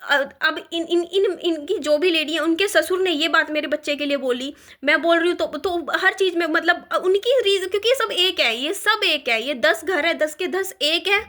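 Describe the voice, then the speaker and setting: Young woman venting in a vlog, high voice, keeps tripping over her words. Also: normal speed, few pauses, sharp tone. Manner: upset, repetitive, stumbling restarts. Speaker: vlogger. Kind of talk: emotional vlog rant.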